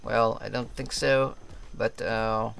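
A man streams a game, mixing live gameplay talk with in-character roleplay chat as a polite, hesitant character using a put-on French accent and many fillers. His voice is lowish, gravelly yet fairly bright, slow and flat, with slight background noise.

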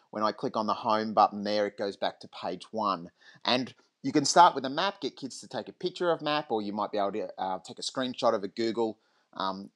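A man talking through a screen-recorded teaching tutorial in a relaxed, rambling way. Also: medium pitch. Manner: relaxed, lots of ums and restarts.

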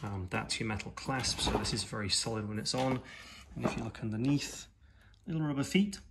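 A New Zealand man gives a casual, rambling product review in his home gaming room, full of ums and uhs. He's filmed on a phone camera off screen, which serves as the microphone. His medium-pitched voice is a little fast, and the audio is very noisy.

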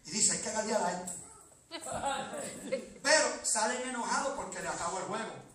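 A man preaching as an evangelist, telling stories that build up to shouted calls for praise, recorded in a large church hall. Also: sits high, lively intonation, moderate pace. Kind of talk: sermon. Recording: echoey hall, mic from a distance, congregation noise.

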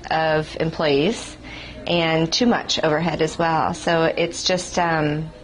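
Low-voiced young woman, relaxed testimonial. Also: slow, poor audio. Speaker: salon suite owner. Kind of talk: testimonial interview. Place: small salon indoors.

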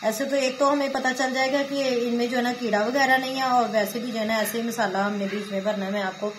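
Speaking fairly quickly in a slightly high voice with fairly even intonation, this village vlogger from Pakistan explains her home cooking one step at a time in a homely, chatty way, with a Pakistani Urdu accent and frequent "jo hai na." She sits on a floor mat in a small room at home; the room echoes and background noise is clearly audible.

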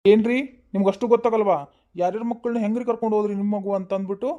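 A woman's voice: medium pitch, steady tone, mellow, close to an everyday voice. A woman voicing an angry man who scolds a father who took the wrong child home, in a comedy cartoon dub. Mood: scolding. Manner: scolding, rapid. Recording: dull lo-fi sound.

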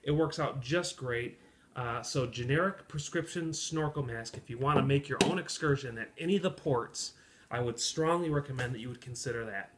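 A man in his thirties co-hosting a home travel vlog, explaining tips slowly and deliberately, with playful asides. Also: medium pitch, slight background noise. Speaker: vlog co-host. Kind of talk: casual chat. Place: living room at home.

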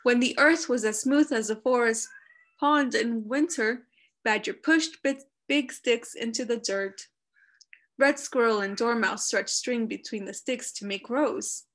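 A woman reading a picture book aloud to children, with measured, expressive storytelling. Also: fairly high pitch.

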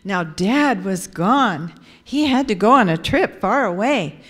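A woman telling a children's story in church, slow and expressive, acting out the voices of the people in it. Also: mid-range voice. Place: church sanctuary.

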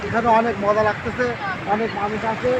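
A man's voice: sits high, level tone, fairly quick, dull audio. A man with a Bangladeshi accent answering casually in a street interview outdoors. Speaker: beach visitor being interviewed. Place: outdoors on a busy sea beach. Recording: very noisy crowded outdoor beach. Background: loud crowd and waves.

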